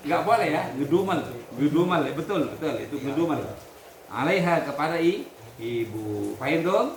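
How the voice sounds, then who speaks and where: A man leading a religious lesson for students, reading Arabic text, explaining it and quizzing his class in a lively way. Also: fairly high pitch, measured pace. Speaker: pesantren leader teaching students. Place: hall at a pesantren. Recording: echoey room with background noise.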